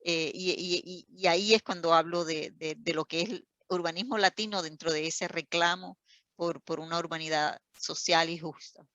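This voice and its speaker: A woman's voice: fairly low pitch, fairly even intonation, normal speed, fairly bright tone, no room sound. A woman from Puerto Rico with a Puerto Rican Spanish accent, speaking as a seminar panelist on a video call, hesitant with many fillers and restarts. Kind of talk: academic talk on a video call.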